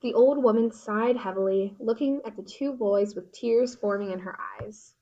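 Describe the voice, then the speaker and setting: A woman narrating a storybook in an expressive, descriptive reading. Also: on the high side, normal speed, lo-fi sound.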